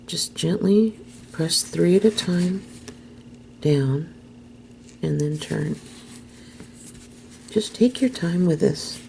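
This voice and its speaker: A woman hosting a craft tutorial, explaining each step gently and unhurriedly, sometimes dropping to a soft whisper as she works. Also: on the low side, lively intonation, takes it slowly, vocal fry, long pauses, a little hiss or hum.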